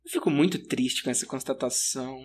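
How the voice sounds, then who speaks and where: A man's voice: medium pitch, fairly quick, slightly rough. A man with a Brazilian Portuguese accent co-hosting a podcast in casual, slangy, grumbling banter. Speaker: podcast co-host.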